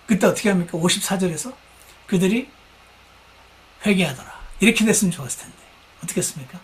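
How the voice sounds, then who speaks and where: Male pastor, high voice, lively dramatic sermon delivery, acts out quoted voices. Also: fast. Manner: animated, acts out quoted speakers, mimics shouting. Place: church.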